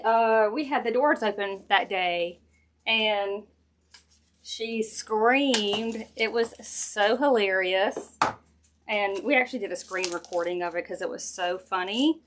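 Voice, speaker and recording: A woman's voice: medium pitch, a bit bright. Chatty Southern woman crafting on a livestream. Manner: chatty, folksy, addressing viewers directly. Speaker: craft maker hosting a live stream. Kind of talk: casual crafting livestream chat, thinking aloud while working. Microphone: sensitive live-stream camera mic.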